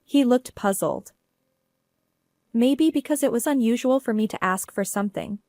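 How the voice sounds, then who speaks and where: A woman telling a first-person story as narrator, in a steady, earnest way. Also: a little high, no room sound, clean studio sound.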